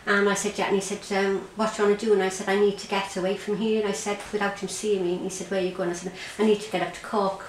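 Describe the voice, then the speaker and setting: An Irish woman recounting her own experience in an interview, halting and repeating herself as she speaks. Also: mid-range voice, little pitch movement. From Ireland. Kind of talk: personal testimony in an interview. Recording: roomy echo, faint background noise.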